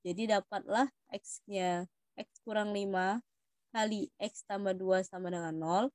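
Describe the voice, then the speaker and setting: A woman's voice: mid-range voice, steady tone, unhurried, a little mellow, no echo. A young woman with an Indonesian accent, patiently explaining math test questions to students as a tutor. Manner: patient, addresses students as "Dik".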